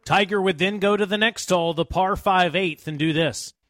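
A man's voice: high-pitched, moderate pace, a bit bright, a faint crowd. A man hosting a golf radio show, narrating recaps and addressing listeners. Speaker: radio sports show host. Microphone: close studio microphone, dry sound.

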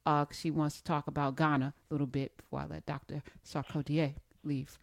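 A woman with a fairly low voice hosts a call-in radio program, trading light jokes with her guests. Her studio microphone gives a close, dry sound with no room echo. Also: flat delivery, brisk, gravelly. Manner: playful, joking asides. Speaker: radio call-in show host. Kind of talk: casual radio chat.

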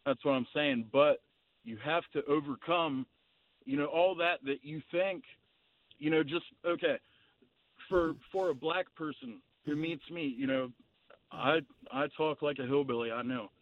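A man, calling in to a talk show, speaking in a halting, plain-spoken way. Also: a little high, no room sound. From Ohio, United States. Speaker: phone-in caller. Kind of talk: casual call-in debate. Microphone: telephone. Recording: tinny narrow phone line.

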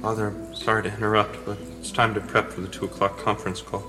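A man's voice: on the low side, level tone, fast, music in the background, natural voice. An actor playing a meek adult son who pleads with his domineering father. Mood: dutiful. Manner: timid, pleading. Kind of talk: audio drama acting. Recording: roomy, distant, noisy.

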